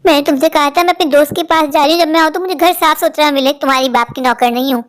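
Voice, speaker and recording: A woman's voice: high-pitched, racing, a bit bright. A woman voicing a fussy middle-aged mother-in-law in a cartoon who nags about housework. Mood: nagging. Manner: nagging, grumbling. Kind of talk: Hindi cartoon voice acting.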